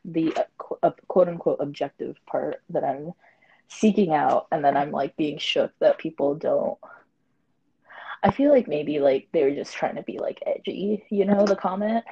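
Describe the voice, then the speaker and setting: A woman's voice: deep voice, normal speed, vocal fry, slightly rough, muffled recording. A woman in her twenties, co-hosting a casual podcast chat, rambling with lots of fillers. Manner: rambling, filler-heavy, frequent laughter. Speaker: podcast co-host.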